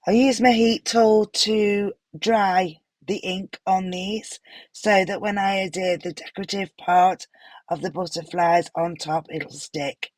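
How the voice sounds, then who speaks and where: A woman with a hoarse, unwell voice, gently narrating a craft tutorial voiceover with some apologetic pauses. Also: medium pitch, steady tone, no echo. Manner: gentle, apologetic, stops for fillers. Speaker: card-making tutorial host.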